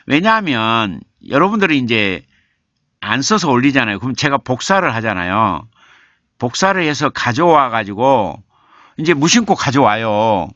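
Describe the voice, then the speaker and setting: Older male professor streaming live, playful and repetitive as he reads out chat; bright, forward voice over dull lo-fi audio. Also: mid-range voice, sing-song, moderate pace, dry recording. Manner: chatty, reads viewer comments aloud and teases them playfully; explains patiently, repeating himself. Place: home streaming room.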